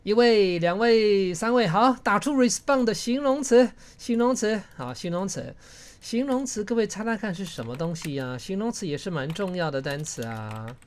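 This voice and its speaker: A woman's voice: medium pitch, expressive, moderate pace. A woman with a Taiwanese Mandarin accent teaching English in a live online class, coaxing students along and prompting them word by word. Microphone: video call.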